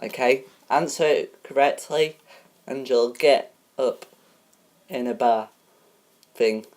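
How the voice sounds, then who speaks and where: A woman hosts a homemade game show parody in a very low voice. She speaks slowly and haltingly, with frequent ums and restarts as she reads out rules and questions. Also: a little mellow.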